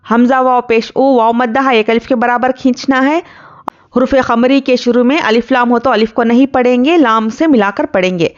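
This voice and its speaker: A woman gives a tajweed lesson, patiently explaining Quran recitation rules word by word and stopping to recite each phrase slowly and drawn out. Her voice is fairly high, smooth, and clear. The recording sounds dull and lo-fi.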